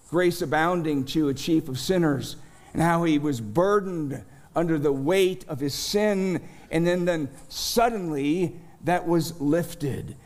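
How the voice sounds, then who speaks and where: A middle-aged male pastor preaching a sermon, telling a personal story slowly and deliberately, rising with emphasis at key moments. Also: fairly high pitch. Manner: storytelling, slow and deliberate with animated rises.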